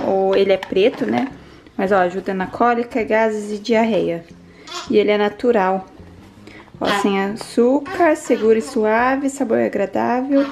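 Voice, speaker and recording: A young mother, chatting casually at home and doting on her baby. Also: medium pitch. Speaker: mother and vlogger. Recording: background music.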